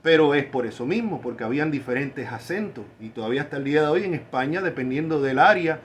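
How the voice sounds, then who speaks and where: A man's voice: a little high, lively intonation, a little hiss or hum. Emphatic preacher, man. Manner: emphatic preaching, slows words down for stress. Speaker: pastor. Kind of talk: sermon.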